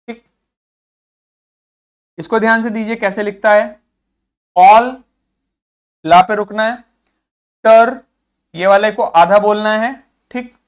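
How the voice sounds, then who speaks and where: A male teacher giving a classroom lesson on English pronunciation, patiently repeating words slowly and stressing each syllable. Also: high-pitched. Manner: patient, checks understanding often.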